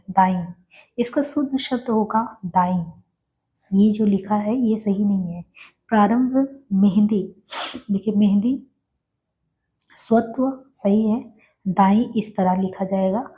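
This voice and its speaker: A woman with a warm, mellow voice teaches spelling for exam preparation. She reads out each word several times and poses questions that she then answers herself, in a steady mid-range pitch. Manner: repeats each word slowly, asks and answers own questions. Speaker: Hindi teacher. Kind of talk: exam-prep spelling lesson.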